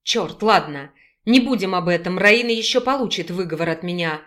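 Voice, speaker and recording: A woman voicing an anxious, hot-tempered young man who commands loudly, in an audiobook. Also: high voice, expressive, normal speed. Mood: indignant. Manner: loud, commanding, hissing.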